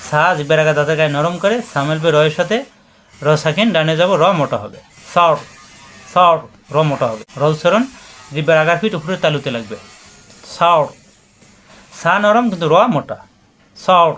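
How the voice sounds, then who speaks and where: High-voiced man teaching recitation. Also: a bit bright, faint music behind. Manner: patient, repetitive drilling of syllables, slows and sings out recitation. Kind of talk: word-by-word tajweed lesson, spoken explanation with chanted recitation.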